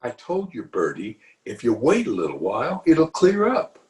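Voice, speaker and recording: A man's voice: medium pitch, wildly swooping pitch, normal speed, a little mellow. A man playing a pompous, self-justifying middle-aged uncle in an old-time radio comedy, with a blustery, chuckling manner. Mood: coaxing. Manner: blustery, chuckling, theatrical drawl. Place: recorded remotely over a video call.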